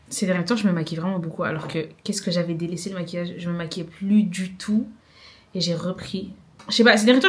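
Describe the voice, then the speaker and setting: A young woman, chatting to a small camera in a rambling, self-mocking vlog. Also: mid-range voice. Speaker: vlogger. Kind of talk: casual vlog chat to camera. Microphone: small handheld camera.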